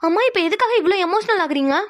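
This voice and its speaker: A woman's voice: very high-pitched, animated, fast. A woman voicing a curious young woman in a cartoon who keeps questioning her mother. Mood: puzzled. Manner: persistent questioning. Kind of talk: cartoon voice acting.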